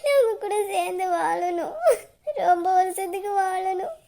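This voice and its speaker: A woman voicing a young grieving wife who pleads through tears in a soft voice, as in a fan audio drama. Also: very high voice, animated, moderate pace. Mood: longing. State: crying.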